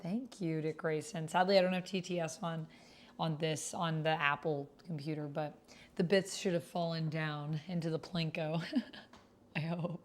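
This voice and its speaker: Hosting a casual livestream as a role-player, this woman speaks in a low, fairly even voice at a moderate pace. She reads typed text aloud, talking partly to viewers and partly to herself. Keyboard typing clatters throughout, making the recording clearly noisy.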